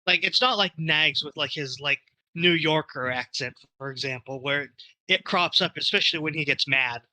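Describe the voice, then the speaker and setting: A man co-hosting a podcast in casual chat, speaking haltingly with many fillers. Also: fairly high pitch, bright, forceful tone. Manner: halting, filler-heavy, lots of "like".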